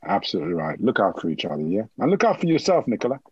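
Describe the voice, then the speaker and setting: A man's voice: on the low side, very animated, very fast, slightly rough, no echo, muffled recording. A man giving an encouraging, motivational talk as an interview guest, often checking in with "right?", heard over a remote call line.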